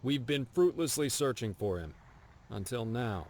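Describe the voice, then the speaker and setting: A man's voice: medium pitch, animated, a little slow, a little mellow. An actor playing a stern male military officer who hands out a kill contract in a formal, clipped, contemptuous way. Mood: stern briefing. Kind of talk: video game dialogue.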